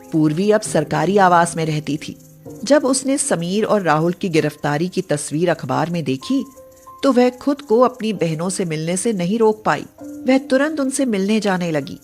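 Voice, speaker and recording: A woman narrating a moral story in calm, steady scripted narration. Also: mid-range voice.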